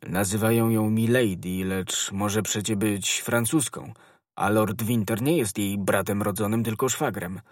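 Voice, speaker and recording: A man voicing a hot-headed young swordsman who speaks solemnly and urgently, often hushed, in a storybook reading. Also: lowish voice, fairly even intonation, a little slow, no room sound, studio quality. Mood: warning.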